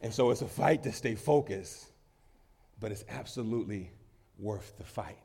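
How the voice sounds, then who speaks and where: A man preaching a sermon to his congregation as pastor while he has a cold. He swings between loud emphasis and quiet asides and laughs easily. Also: lowish voice, moderate pace, gravelly, slightly rough. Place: church in front of a congregation.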